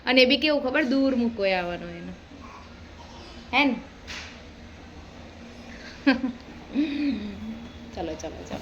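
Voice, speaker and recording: A woman's voice: fairly high pitch, lively intonation, extremely slow, long pauses, lo-fi sound, slight background noise. A woman in her thirties, a mother chatting casually in a home vlog, teasing and scolding her kids as she talks. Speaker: vlogger and mother.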